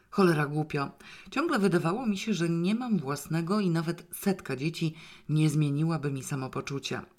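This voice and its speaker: A woman narrating a novel aloud in the first person, in a wry, lively storytelling manner. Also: low voice. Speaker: audiobook reader.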